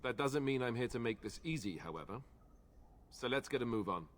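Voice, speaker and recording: An actor playing a stern, gruff male warrior in a video game, speaking bluntly and commandingly. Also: mid-range voice, expressive, a little fast, a little hiss or hum, natural voice.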